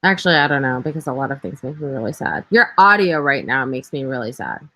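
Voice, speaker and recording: A woman's voice: a bass voice, sing-song, fast talker, pushed and bright, slight background noise, poor audio. A woman co-hosting in casual chat over a video call, playful and teasing. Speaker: co-host. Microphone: video call mic.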